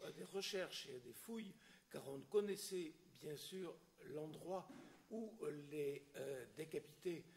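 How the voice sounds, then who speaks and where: A man lecturing on history with a fairly high voice. He speaks haltingly, stopping for filler sounds and restarting phrases. Now and then he clears his throat. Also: darkish tone. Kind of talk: public lecture with questions.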